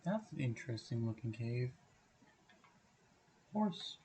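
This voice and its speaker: A slightly hoarse man streaming a game, thinking aloud and correcting himself as he goes. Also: mid-range voice, moderate pace, dark tone, slight background noise, low-quality recording. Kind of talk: livestream gameplay commentary. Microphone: desk mic on a stand.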